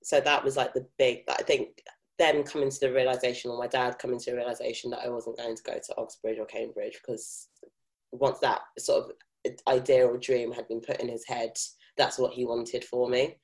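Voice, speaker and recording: A young woman with a soft South London accent speaks as an interview guest. She tells personal stories in a candid, casual way, with informal, unpolished phrasing. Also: a bass voice, level tone, brisk, low-quality recording. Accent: mild South London. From South London, England. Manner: informal, frequent swearing and filler "like".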